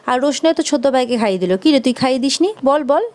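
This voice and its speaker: A woman's voice: high-pitched, rapid-fire, voice pushed up. Woman voicing a chattering childlike young woman. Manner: excited, blurting.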